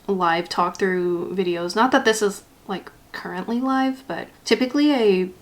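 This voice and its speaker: A woman's voice: medium pitch, unhurried. A woman with a slight lisp from wearing a retainer, rambling casually and a little self-consciously as she talks through ink swatches for a vlog. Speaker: YouTube vlogger.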